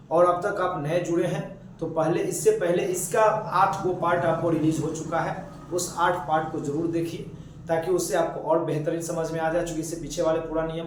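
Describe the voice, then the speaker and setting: A man's voice: fairly high pitch, a little hiss or hum. A man teaching a lesson, drilling his students by asking questions and answering them himself. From India. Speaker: English teacher. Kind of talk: classroom-style lesson. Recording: very echoey room.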